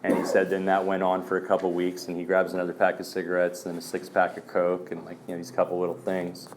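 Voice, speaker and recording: A man's voice: deep voice, monotone, quick pace, a little hiss or hum. A man speaking at a recovery meeting, telling stories in a loose, casual way, with lots of "um" and "man". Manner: loose storyteller, fillers like "man" and "um". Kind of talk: casual personal talk.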